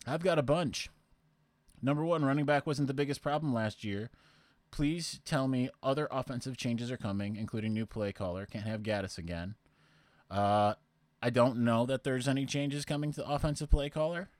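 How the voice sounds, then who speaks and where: A man's voice: medium pitch, fairly even intonation, normal speed, no echo. A young man hosting a podcast, casually answering listener questions in a rambling way. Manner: rambling, with fillers and restarts. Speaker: podcast host.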